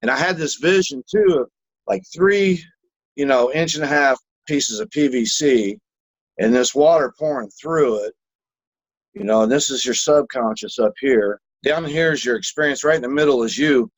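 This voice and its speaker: A man's voice: medium pitch, moderate pace, dry recording, rough recording. A man co-hosting a casual podcast, telling stories animatedly, acting out voices and swearing freely. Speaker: podcast co-host.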